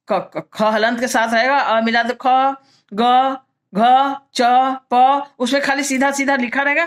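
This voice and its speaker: A woman teacher walks through a grammar lesson in a slightly high voice. She explains patiently, repeats each point, and checks in with her listeners as she goes. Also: a bit bright. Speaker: Sanskrit teacher.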